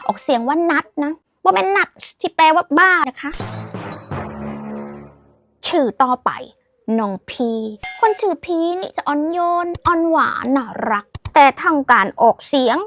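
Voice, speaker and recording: Playful high-pitched woman. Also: animated, a little slow, a bit bright, soft background music. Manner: playful and teasing, mixing Thai and English phrases. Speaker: language tips host. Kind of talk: playful language lesson.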